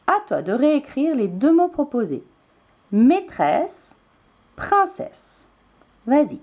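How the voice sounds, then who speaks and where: A woman's voice: a little high, mellow. A woman teacher giving a spelling lesson to young children, spelling words out letter by letter. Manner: slow, clearly spelled out letter by letter.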